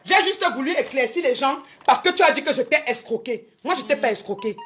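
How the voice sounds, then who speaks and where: A woman with a very high voice defends herself in an indignant live video. She keeps repeating her points and speaks straight to her critics. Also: animated, fairly quick, fairly bright tone, soft background music. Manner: indignant, repetitive, addresses critics directly. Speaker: show business promoter. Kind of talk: Facebook live rant.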